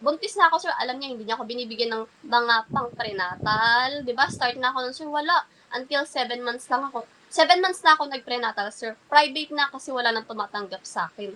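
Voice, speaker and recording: A woman with a high, bright voice tells her story in an interview, speaking politely and a little haltingly. She keeps restarting her sentences and stays deferential to the interviewer. A faint hum of ambient noise sits behind her. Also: low-quality recording. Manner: polite and hesitant, keeps addressing the interviewer respectfully; halting, with many restarts and fillers. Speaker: interview guest.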